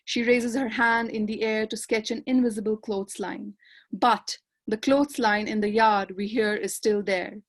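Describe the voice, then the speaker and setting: A woman from Kashmir, reading her poetry aloud in a measured, lyrical way on a panel discussion held over a video call. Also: medium pitch, steady tone. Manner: measured, lyrical recitation with repeated refrains. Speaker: poet and panelist.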